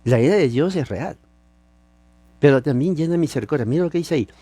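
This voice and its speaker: A man's voice: on the high side, expressive, quick pace, warm tone, breathy edge, no echo. A man preaching a sermon, teaching with emphasis and asking rhetorical questions. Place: lives in California.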